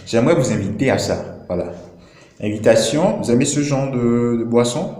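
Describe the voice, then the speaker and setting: A man's voice: mid-range voice, animated, moderate pace, mellow. A man explaining a drink's nutrition label in a casual video talk, hesitant and full of fillers, often checking in with his viewers. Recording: echoey room.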